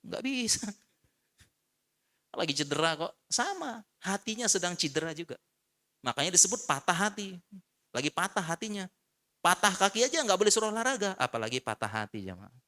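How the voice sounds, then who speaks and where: Male preacher, mosque lecture, animated, bright tone, talks straight to the congregation. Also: sits high, quick pace. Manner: animated, repeats short refusals, addresses the congregation. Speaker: Islamic preacher.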